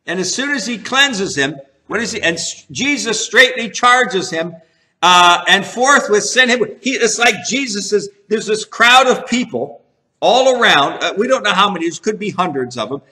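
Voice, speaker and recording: A man's voice: high voice, lively intonation, moderate pace, pushed and bright. A man giving expository Bible teaching, earnest and emphatic, often repeating and restarting his phrases.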